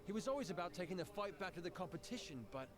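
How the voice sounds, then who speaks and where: A man's voice: sits high, very animated, rapid-fire. An actor playing an enterprising male mining trader in a scripted fantasy video game. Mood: indignant.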